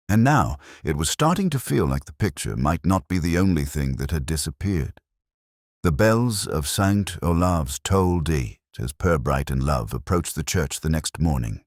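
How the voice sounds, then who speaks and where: A man with a very deep, darkish voice narrates a detective story in a measured, literary style. His intonation is lively, his pitch moving freely, and the recording is dry and close.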